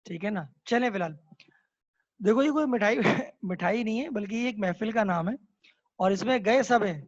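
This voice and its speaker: A man's voice: sits high, dull audio. A man teaching an online class, explaining a text patiently, slipping in English words and often checking with his students. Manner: mixes English words into speech.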